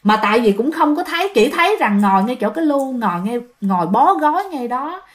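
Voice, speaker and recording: A woman storyteller tells a ghost story to her listeners. Her voice sits fairly high and jumps lively up and down. She talks straight to the audience as she goes. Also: a little fast. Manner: animated, addresses listeners directly.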